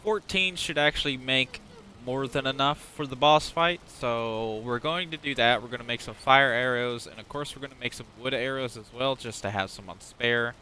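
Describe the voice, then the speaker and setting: A man's voice: medium pitch, normal speed, sharp tone, a little hiss or hum. A man giving casual, unrehearsed let's-play commentary, rambling, stumbling over words and swearing now and then. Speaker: gaming channel host.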